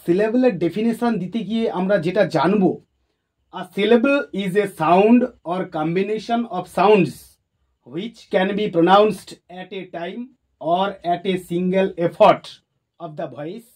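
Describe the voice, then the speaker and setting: A grammar teacher giving a lesson at a board, who dictates definitions slowly word by word and then explains them, patiently repeating key terms. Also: medium pitch, a little mellow.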